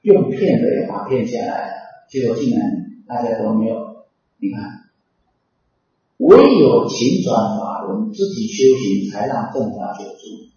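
A man giving a Buddhist sermon, telling anecdotes in a lively way and acting out the quotes. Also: mid-range voice, unhurried. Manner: lively storyteller, acts out quotes, chuckles. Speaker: Buddhist dharma teacher. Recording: distant, roomy, dull lo-fi.

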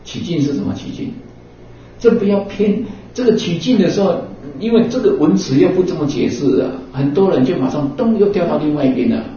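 A man preaches Buddhist teaching in a casual, chatty way, dropping in fillers and little acted-out exchanges. His voice is soft and mellow. He sits away from a dull mic in a very echoey hall. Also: a little high, animated, fairly quick, a little hiss or hum. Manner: conversational, acts out little dialogues, many fillers like 啊 and 哦. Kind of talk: sermon. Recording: roomy echo from a distant, dull mic.

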